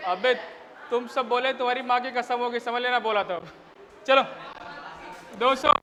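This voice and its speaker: High-pitched man scolding a classroom. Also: steady tone, moderate pace, bright, forceful tone, a faint crowd. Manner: scolds and teases students in crude slang. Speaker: physics teacher. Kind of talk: rowdy classroom teaching. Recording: lo-fi classroom recording in a reverberant room.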